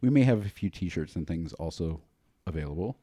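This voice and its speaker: A low-voiced man hosts a podcast in casual chat, running through announcements in a relaxed, chatty way. The sound is dry and close. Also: a little fast, no room sound. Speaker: podcast host.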